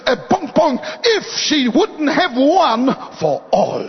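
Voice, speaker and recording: An older man from Germany, preaching a sermon in short phrases that his interpreter translates, sometimes rising to shouts. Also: extremely high pitch, sing-song, slow pace. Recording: echoey hall, dull sound.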